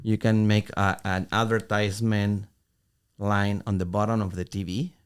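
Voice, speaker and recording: A middle-aged man co-hosting a podcast, telling an animated story in casual talk with halting restarts. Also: lowish voice, clean tone. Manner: animated, acts out quoted voices, halting restarts. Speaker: podcast co-host.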